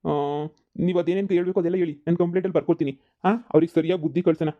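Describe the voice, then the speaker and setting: A man plays a patient cartoon policeman who talks quickly in a soothing, reassuring way. His voice sits a touch high for a man. The audio is muffled and lo-fi. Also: fairly even intonation, natural voice. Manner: soothing, reassuring, matter-of-fact. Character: patient, sympathetic police officer, adult man. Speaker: police officer. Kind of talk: cartoon comedy voice acting.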